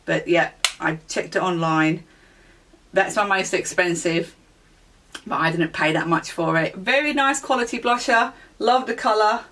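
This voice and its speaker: A woman beauty vlogger in a relaxed, chatty product review, with plenty of ums and small self-corrections. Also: mid-range voice, far from the mic. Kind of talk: casual product review chat.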